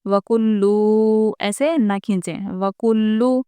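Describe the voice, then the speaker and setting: A woman teaching Quran recitation rules in a patient, methodical lesson. Her voice is very clear and smooth, recorded close up with no room sound. She often pauses to ask her viewers rhetorical questions. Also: medium pitch, steady tone, darkish tone, dry recording. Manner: patient, explains each rule and asks rhetorical questions.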